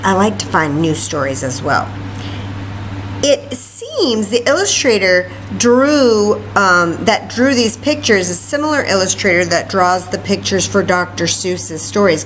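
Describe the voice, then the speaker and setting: This woman's voice runs on the low side, captured roughly with a little hiss or hum. Leading story time for little ones, she sings, reads aloud and chats in a sing-song, encouraging way, addressing them directly and often going off on asides.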